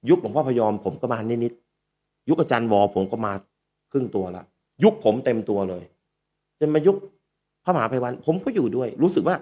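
Man, storytelling talk host, animated, acts out quoted voices. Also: mid-range voice, moderate pace, pauses often. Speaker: speaker and talk show host.

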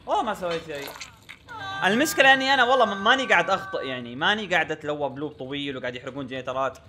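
A man's voice: a little high, lively intonation, racing, over music. A young man giving gameplay commentary, exasperated and repeating himself with frequent oaths. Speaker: gaming YouTuber.

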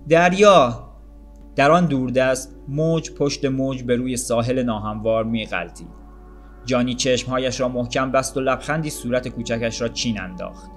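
A man reads a literary short story aloud in a calm, measured way. His voice sits at an everyday middle pitch, and faint music plays softly beneath him. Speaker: audiobook narrator. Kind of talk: storybook reading.

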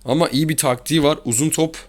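A man's voice: fairly high pitch, steady tone, fast talker. Exasperated man commenting on his game. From Turkey. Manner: exasperated, grumbling about bad luck. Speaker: gaming YouTuber. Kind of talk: casual gameplay commentary.

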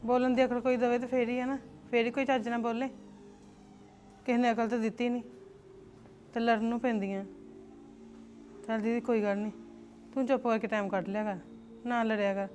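A woman's voice: a little high, flat delivery, fairly quick, pauses often, a little mellow, faint music behind, close to an everyday voice. A woman playing a chatty, defensive elder sister-in-law in a family drama.

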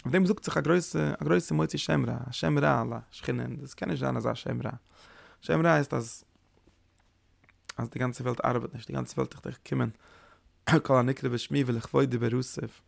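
A man giving a Kabbalah lesson as a Torah teacher, speaking haltingly and often repeating words and restarting phrases. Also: medium pitch, vocal fry, dry recording.

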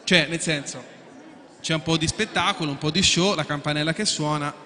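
Bright-voiced man hosting a quiz. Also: fairly high pitch, normal speed. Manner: chatty, repeats and restarts, asks for agreement. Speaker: quiz show host. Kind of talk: explaining game rules to contestants. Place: event hall with contestants. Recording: echoey hall.

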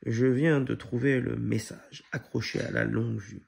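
A man's voice: medium pitch, steady tone, moderate pace, creaky. A man doing Noah, a keen young boy. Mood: pleased. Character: young boy cousin, keen clue-finder.

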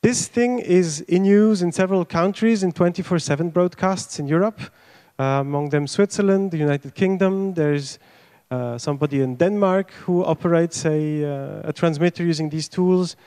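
A man's voice: a little high, moderate pace, warm tone. A man in his thirties giving an informal technical presentation, explaining in a slightly hesitant way. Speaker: conference speaker. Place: stage in a large event tent. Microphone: handheld microphone.

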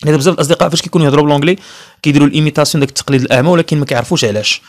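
A young man with a Moroccan accent teaching English pronunciation, explaining rules in Darija and reading English rules slowly and carefully. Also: fairly high pitch. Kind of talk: pronunciation lesson.

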